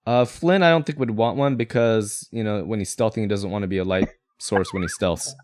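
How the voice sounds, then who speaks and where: A man's voice: on the low side, fairly quick, darkish tone, no room sound, studio quality. A man working as game master, casually narrating a tabletop game in an explanatory, rambling way.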